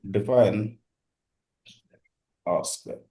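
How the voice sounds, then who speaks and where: Guy teaching coding, lowish voice, dictating bit by bit in short chunks and quizzing the class. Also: drawn-out words, dark tone. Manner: dictating code in short fragments. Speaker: instructor. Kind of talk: interactive coding lesson, quizzing students.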